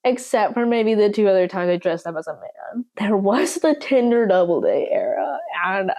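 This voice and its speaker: A woman's voice: medium pitch, expressive, moderate pace, mellow. A young woman with a slight Southern accent, chatting casually and playfully to the camera as a vlogger, often poking fun at herself. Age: young adult. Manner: chatty, playful, self-mocking.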